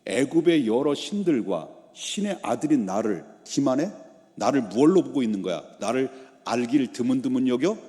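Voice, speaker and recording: A man's voice: mid-range voice, big pitch swings, normal speed, dark tone, long reverb tail, close to an everyday voice. A pastor voicing an arrogant, furious male Egyptian king who barks scornful threats. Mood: mocking.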